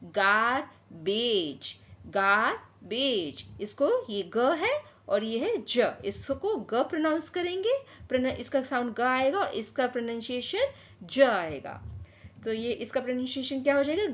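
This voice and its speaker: A woman teaching a phonics lesson to children, stretching out each example word and asking questions as she goes. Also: sits high. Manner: slow, drawn-out word modelling with repeated questions. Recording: dull lo-fi sound.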